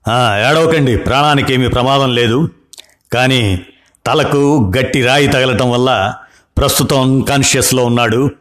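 A man's voice: medium pitch, normal speed, fairly bright tone, pitched above the performer's own voice, natural voice. A man voicing a stern middle-aged doctor who scolds the parents.

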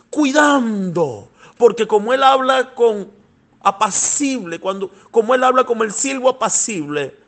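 High-voiced preacher guy, goes soft then thunders, super animated. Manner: fervent, addresses listeners as "amado"; swings between soft and thundering. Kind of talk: sermon.

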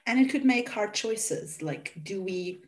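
A woman's voice: medium pitch, expressive, a little slow. Hungarian-accented woman explaining. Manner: explanatory, emphatic. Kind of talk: casual discussion.

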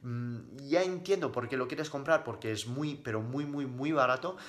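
Answering livestream questions in a relaxed way, this fitness coach talks bluntly and with emphasis, full of slang and words repeated for stress. He has a mid-range voice at normal speed with a fairly bright tone.

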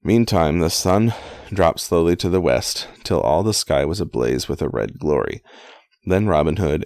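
A man reading an old story aloud in a casual, halting way, with restarts and offhand asides. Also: a bass voice, gravelly, darkish tone, no echo, clean studio sound. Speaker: amateur reader.

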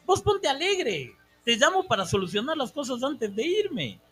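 A man voicing his dying elderly mother, who sounds calm and firm. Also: moderate pace, husky, soft background music, exaggerated voice. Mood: serenely firm. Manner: high, light and gentle.

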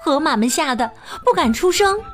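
Lively woman reading a children's story. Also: high voice, moderate pace, soft background music. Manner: expressive, playful storytelling.

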